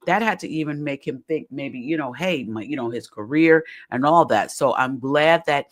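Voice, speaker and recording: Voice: medium pitch, normal speed. A podcast host giving casual commentary while reading aloud from a web page, chatty and folksy, often stumbling over the words.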